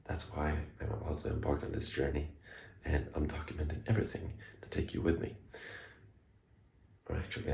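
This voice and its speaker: A man in his late twenties speaks in a quiet, hushed whisper. He talks to his vlog as one does at night while others sleep, keeping every word low and soft. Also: vocal fry, echoey room. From Sweden.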